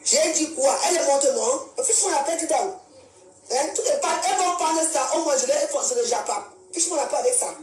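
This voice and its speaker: A woman's voice: high-pitched, a little fast, a little mellow, far from the mic, slight background noise. A woman from Cameroon, ranting defiantly on a live stream and repeating her points. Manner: defiant, confrontational, repeats herself. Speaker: social media live streamer. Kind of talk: angry live-stream rant. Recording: echoey room, voice from off the mic, faint music.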